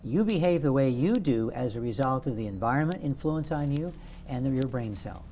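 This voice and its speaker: A man as an interview guest, explaining at length in a measured, lecturing way and stressing key words. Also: mid-range voice, expressive, mellow, a little hiss or hum. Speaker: guest author.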